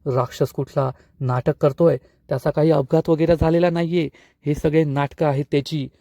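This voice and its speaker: Furious, threatening brother, shouting, read by a man with a mellow voice. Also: on the high side, steady tone, moderate pace, vocal fry, dry recording, clean studio sound. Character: angry young man, protective brother.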